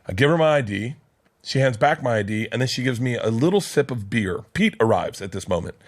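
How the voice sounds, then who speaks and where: A man in his fifties tells a story on a podcast at a rapid clip. He is profane and heated and keeps slipping into the voices of the people he describes. His pitch sits mid-range for a man. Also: lively intonation. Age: 50s. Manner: fast, profane, worked-up retelling with quoted voices. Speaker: podcast co-host telling a story. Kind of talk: animated storytelling in casual chat.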